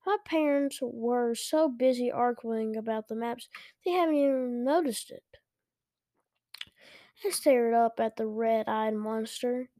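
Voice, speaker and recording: A woman hosting a podcast, reading a children's horror book aloud slowly and carefully, with small slips. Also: a little high, dark tone, dry recording, clean studio sound. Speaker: podcast host and reader.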